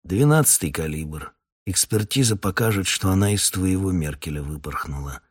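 A man's voice: sits low, lively intonation, normal speed, breathy edge. A man doing a cold menacing police captain. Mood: curt threatening. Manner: curt, threatening.

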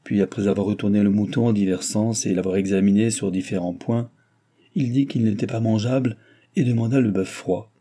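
A man narrates a classic novel in an audiobook reading. His voice sits low and sounds very dark and slightly husky. The delivery stays measured and even. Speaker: audiobook reader.

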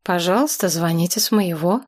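A polite middle-aged man speaks in a lowered, steady voice, calm and reasonable, as a woman acts him out. He sounds like a patient storybook stranger. Nothing rattles his even, soothing delivery. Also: a little fast, lightly acted.

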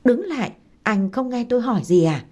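A woman voicing a proud, quick-tempered young woman in a read-aloud story, answering back in a raised, sharp voice. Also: fairly high pitch, lively intonation, pitched above the performer's own voice. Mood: indignant.

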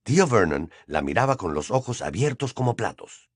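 A man narrating an audiobook in an expressive storytelling manner. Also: lowish voice, normal speed, slightly rough, no room sound, studio quality. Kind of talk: scripted narration.

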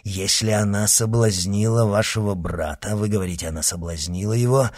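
A man reading aloud voices a vengeful son disguised as a monk, harsh and commanding, in a husky voice. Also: lowish voice, brisk, a little mellow, no echo, studio quality, lightly acted. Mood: stern questioning. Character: vengeful false monk, grown son, merciless.

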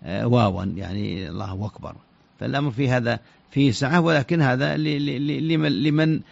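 Gravelly-voiced man answering religious questions. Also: medium pitch, darkish tone, no echo, dull audio. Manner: halting, repeats words while searching for them. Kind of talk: radio fatwa answers.

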